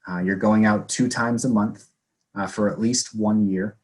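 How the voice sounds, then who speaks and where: A man's voice: lowish voice, fairly even intonation, unhurried, a little mellow. A man presenting a volunteer program on a video call, speaking earnestly and conversationally while his audio cuts out and the volume keeps jumping. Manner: earnest, conversational, fillers like "you know". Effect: audio cutting out, uneven volume. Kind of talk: informational webinar talk.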